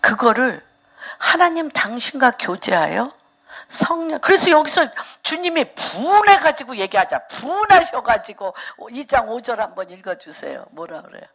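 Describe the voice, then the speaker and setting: A woman pastor preaches in a church, her pitch sitting a little high and swinging widely. She questions the congregation and then drops to hushed whispers to press a point. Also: sing-song, normal speed. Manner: asks the congregation rhetorical questions. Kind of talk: sermon.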